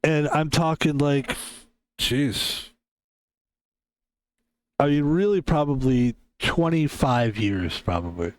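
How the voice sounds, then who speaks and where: A man's voice: fairly high pitch, slow, pauses often, dry recording. A man in his fifties chatting casually while streaming a game, rambling and correcting himself as he thinks aloud. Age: 50s. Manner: rambling, reflective, self-correcting. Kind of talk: casual chat while gaming.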